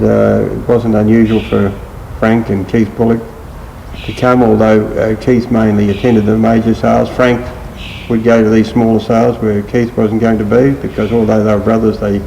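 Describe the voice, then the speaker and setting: A low-voiced older man with a rural Australian accent reminisces in a laconic bush drawl. His voice is gravelly and creaky, and he takes his time. There is faint noise behind him. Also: mellow, poor audio. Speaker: retired livestock agent reminiscing. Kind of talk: oral-history reminiscence. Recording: faint background noise and ambience.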